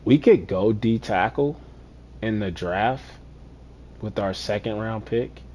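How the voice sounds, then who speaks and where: A man with a fairly low voice gives casual gameplay commentary. He talks to himself, musing over choices, and now and then launches into an exasperated rant. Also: takes it slowly, mellow, slight background noise. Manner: chatty, muttering to himself, exasperated rants. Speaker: gaming streamer.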